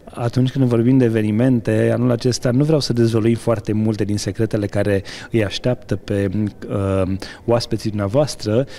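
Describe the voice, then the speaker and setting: A middle-aged man from Romania, a TV interviewer asking leading, flattering questions with some hesitant fillers. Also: fairly low pitch, few pauses. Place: restaurant lounge with fireplace. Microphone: handheld branded mic.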